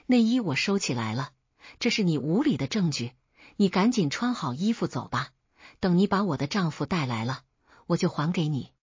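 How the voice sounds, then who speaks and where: A woman's voice: fairly low pitch, sing-song, normal speed, darkish tone, husky, no room sound, heavily acted. A woman voicing a young wife in a storybook tale, speaking indignantly. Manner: indignant, then pleading. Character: young wife sold as concubine, defiant. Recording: dull lo-fi dry recording.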